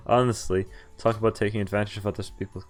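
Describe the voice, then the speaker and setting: With visual novel music underneath, a male streamer reads game text aloud in a casual playthrough and cuts away for jokey, wry comments. He speaks in a lowish, very animated voice, a little fast.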